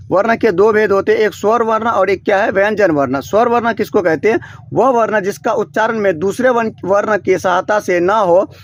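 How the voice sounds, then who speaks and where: A man's voice: high voice, no room sound, muffled recording. A man teaching a grammar lesson, asking questions and answering them himself, with frequent restarts and self-corrections. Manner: repetitive question-and-answer drilling. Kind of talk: classroom-style grammar lesson. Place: small room beside a board.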